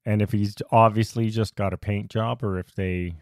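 Male podcast co-host, lower voice, dry close mic, chatty and wry. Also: fairly even intonation, normal speed, no echo. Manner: chatty, wry, lightly sarcastic. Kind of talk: casual chat.

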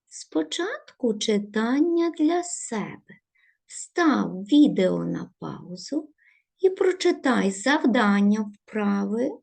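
A woman teacher speaks slowly and deliberately to young children in a recorded video lesson. Her fairly high voice rises and falls a lot, and it has a gravelly, husky edge. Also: a little mellow. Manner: slow, deliberate instructions to children, stressing each word. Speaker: primary school teacher.

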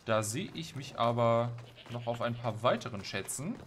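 Male let's player, medium pitch, playful self-talk and slang, noticeable game noise behind. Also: expressive, normal speed, fairly bright tone. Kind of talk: casual gameplay commentary. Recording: clear background game noise. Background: game ambience.

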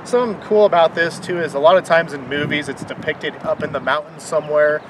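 A man's voice: fairly high pitch, steady tone, fast, noisy background. A man co-hosting an exploration vlog, presenting chattily and enthusiastically while standing outdoors on a neighborhood street. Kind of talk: casual on-location presenting. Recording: distant voice with music bed.

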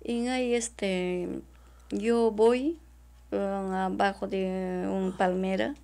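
A middle-aged woman, giving distressed, halting testimony in an interview and repeatedly addressing the interviewer. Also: mid-range voice, level tone, creaky, mellow. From Peru. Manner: halting and repetitive, often addressing the interviewer as doctora. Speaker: witness.

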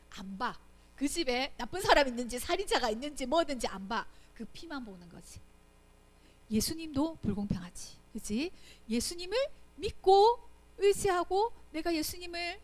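A woman with a Gyeongsang Korean accent giving a children's Sunday school sermon. She tells the story in an animated way and keeps checking in with rhetorical questions. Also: sits high. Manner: acts out quoted voices.

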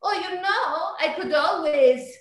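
An actress playing a nervous, coy maid with a French accent, over a video call. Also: female voice, very high-pitched, lively intonation, slow pace, echoey room, background noise, heavily acted.

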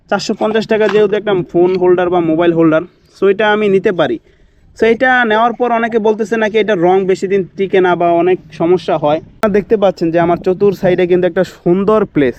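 A young man with a Bangladeshi Bengali accent, vlogging casually outdoors in fast, chatty talk mixed with English words. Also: high voice, no room sound, lo-fi sound. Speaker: motovlogger. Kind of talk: casual outdoor moto vlog. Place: outdoors by a roadside.

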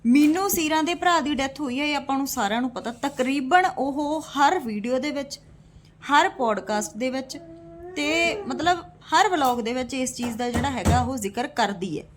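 A woman's voice: high-pitched, lively intonation, normal speed, slight background noise. A woman in her thirties talking straight to camera in a casual roast vlog, scornful and indignant, calling her viewers brothers and sisters. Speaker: vlogger.

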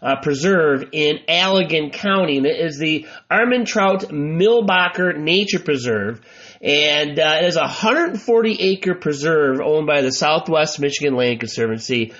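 Podcast host: American male, higher-set voice, congested and stuffy, chatty and folksy, slightly dull audio. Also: measured pace, fairly bright tone. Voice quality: muffled, congested, stuffy-nosed. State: congested from allergies. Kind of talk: casual solo podcast talk.

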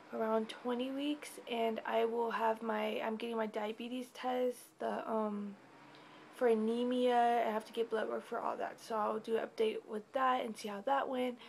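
Young woman vlogger, slightly high, gravelly fry, tired and rambling, faint hiss behind. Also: a little mellow. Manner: chatty, rambling, many fillers. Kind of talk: casual pregnancy update vlog.

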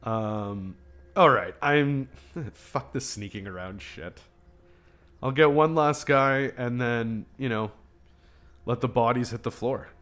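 A man's voice: medium pitch, slow pace, a bit bright. A man hosting a gaming channel, giving casual let's-play commentary in a profane, joking way. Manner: profane, joking, laughs at himself.

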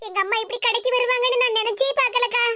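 A woman's voice: extremely high pitch, steady tone, quick pace, noisy background. A woman with a Tirunelveli Tamil accent voicing a tearful, apologetic young bride in a cartoon, who is crying.

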